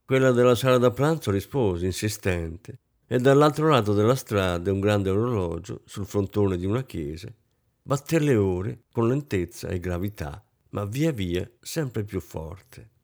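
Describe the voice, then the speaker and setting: A man reading a novel aloud in an expressive, dramatic way. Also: on the low side, a little slow. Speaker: audiobook reader. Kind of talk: expressive literary narration.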